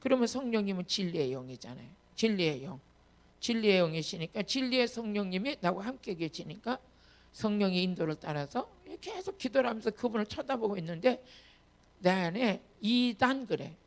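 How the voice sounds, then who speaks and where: A woman pastor with a fairly high voice delivers an emphatic sermon built on personal testimony, building up to loud commands.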